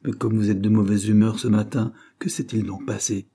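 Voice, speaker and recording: A man's voice: on the low side, steady tone, brisk, mellow, breathy edge. A man doing a patient, dutiful young clerk. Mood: firm, patient. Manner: patient, firm and explaining. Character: earnest conscientious young male clerk.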